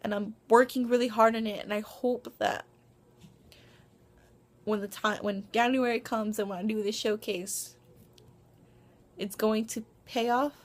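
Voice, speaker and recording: A young woman vlogs to camera in a casual, rambling monologue full of ums, restarts, and self-conscious asides. Her fairly high voice holds a steady tone, unhurried and often pausing, while a dog barks in the background.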